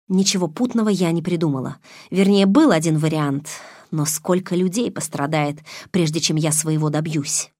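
A woman's voice: lowish voice, a little mellow, no echo, studio quality. A woman reading a first-person novel aloud as an audiobook narrator, voicing the characters' lines herself with tense expression.

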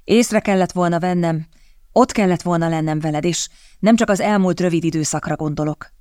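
A woman's voice: fairly low pitch, a little mellow, no room sound, studio quality, close to an everyday voice. A woman voicing a stern young nobleman and protective elder brother in an audiobook, speaking sharply. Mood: remorseful.

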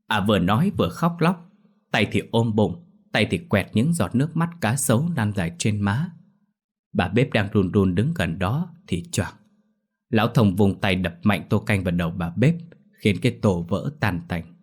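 Husky low-voiced man narrating horror. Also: expressive, normal speed. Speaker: storyteller. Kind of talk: scripted horror story narration. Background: faint music.

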